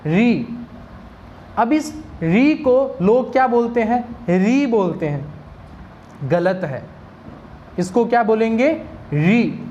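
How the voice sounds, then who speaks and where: A woman's voice: fairly high pitch, expressive, takes it slowly, pauses often, warm tone, dull audio, slight background noise. A woman teaching Sanskrit pronunciation, drilling single sounds and answering her own questions to the class. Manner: asks questions and answers them herself; drills sounds one at a time. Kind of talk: pronunciation lesson.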